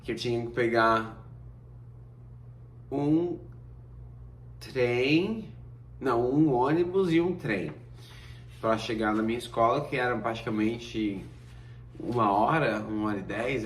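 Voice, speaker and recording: A man's voice: medium pitch, far from the mic. A Brazilian man in his thirties, a vlogger casually telling a personal story and acting out the dialogue. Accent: Brazilian Portuguese. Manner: lively, acts out dialogue in quotes. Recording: roomy echo, away from mic, faint noise.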